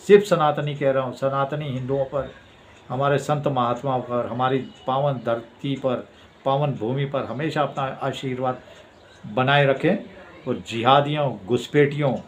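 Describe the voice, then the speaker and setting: A man's voice: medium pitch, slight background noise. A man delivering an impassioned political monologue, fervent and declamatory, repeating his points for emphasis. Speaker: political commentator.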